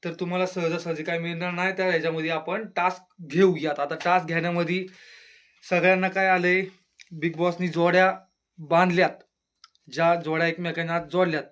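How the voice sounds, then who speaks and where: A man's voice: little pitch movement, brisk, fairly bright tone. A man giving a casual, chatty review of a reality show on his channel, with exclamations and speech. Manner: chatty, exclaims, mimics housemates in lowered voice. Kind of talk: casual solo review monologue.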